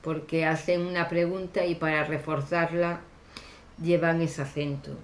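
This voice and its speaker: A woman teacher explaining grammar slowly and deliberately, pausing often with fillers. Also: low-pitched, flat delivery, roomy sound. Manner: deliberate, hesitant with frequent fillers. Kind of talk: slow classroom grammar explanation.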